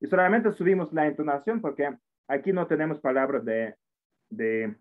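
A man teaching a language class over a video call. His voice sits a little high and sounds thin and phone-like. He explains step by step, often checking in with short tag questions and restarting words. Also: normal speed. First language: Russian. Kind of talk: online English class taught in Spanish.

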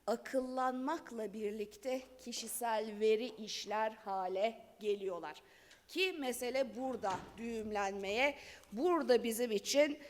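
A middle-aged woman speaking at a lectern microphone in a large conference hall, giving a chatty, conversational law talk with light laughter. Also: a little high. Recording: long hall reverb.

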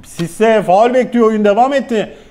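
A man giving excited football commentary in a studio, often repeating his exclamations over and over. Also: sits high, normal speed, a crowd in the background. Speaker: football commentator on a club fan channel.

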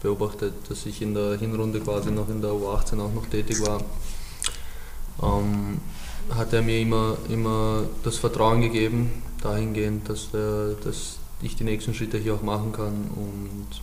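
A man's voice: fairly low pitch, monotone, normal speed, darkish tone, a little hiss or hum. A nineteen-year-old man, a footballer giving hesitant interview answers with many ums. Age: teens. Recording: roomy echo with faint ambience.

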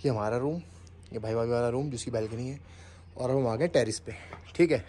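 A man's voice: medium pitch, brisk, mellow. A man narrating his travel vlog casually, chatting to viewers as guys and mixing in English. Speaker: travel vlogger. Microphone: action camera. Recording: noisy action-camera audio with vehicle sounds.

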